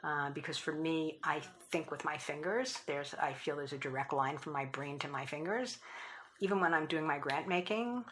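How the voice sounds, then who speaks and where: In a low-pitched voice at a moderate pace, a former professor turned philanthropist, middle-aged, reflects during a conversational interview. She often starts her sentences over and laughs softly, and the recording carries a little hiss or hum.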